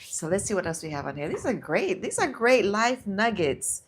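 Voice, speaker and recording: A woman's voice: mid-range voice, very animated, moderate pace, slightly rough. A middle-aged woman hosting a casual motivational live stream, talking herself through fears aloud and reading comments from viewers. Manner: warm encouraging, talks to herself aloud, reads viewer comments. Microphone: handheld or clip mic.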